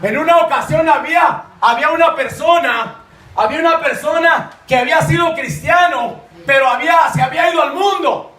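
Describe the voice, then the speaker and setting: A man preaching a fervent sermon in church, often shouting and repeating phrases. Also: very high-pitched, a little fast, distant mic. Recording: echoey hall, voice from off the mic.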